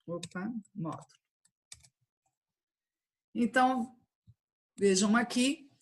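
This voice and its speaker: A woman's voice: medium pitch, slightly rough. A woman with a Brazilian accent teaching an online calculus class, patiently explaining each step and checking in with her students. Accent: Brazilian Portuguese. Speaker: math teacher.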